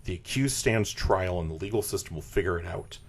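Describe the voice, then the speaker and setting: A man on a podcast lays out a movie idea in loose casual chat, piling on "like" fillers. His voice sits a bit low and easy. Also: lively intonation, brisk, slightly rough. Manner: rambling pitch full of "like" fillers. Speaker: podcast host.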